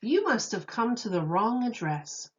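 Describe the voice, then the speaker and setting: A woman's voice: on the high side, big pitch swings, measured pace, lo-fi sound. A woman voicing a polite, sociable female giraffe hostess in a storybook, with genteel exclamations. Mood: polite, puzzled.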